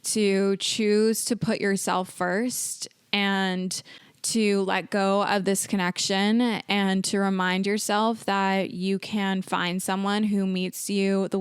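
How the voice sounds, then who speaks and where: A woman's voice: mid-range voice, smooth, dry recording, clean studio sound. A young woman hosting a casual advice podcast, speaking earnestly and reassuringly, repeating points for emphasis. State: tearful, emotional. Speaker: podcast host.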